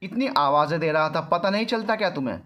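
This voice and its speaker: A man's voice: a little high, lively intonation, moderate pace, a bit bright. A man voicing an arrogant, controlling young man in a storybook reading, rude and mocking. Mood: angry shouting. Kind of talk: storybook narration.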